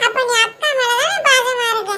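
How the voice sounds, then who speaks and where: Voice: very high-pitched, normal speed, pushed and bright, a little hiss or hum, full character voice. A performer voicing a young, sulky little girl in a homemade cartoon, pleading tearfully, with a Tirunelveli Tamil accent. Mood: hurt, tearful.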